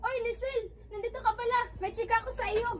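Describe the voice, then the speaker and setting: A woman with a very high voice delivers pointed, confrontational skit dialogue. She is distant from the mic, with clear background noise. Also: fairly even intonation, fast talker. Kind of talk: amateur family skit acting.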